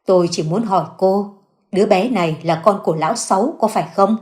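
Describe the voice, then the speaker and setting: A woman's voice: medium pitch, a little fast, darkish tone, natural voice. A woman voicing an elderly widow who questions her accuser in a firm, cold tone. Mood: suspicious.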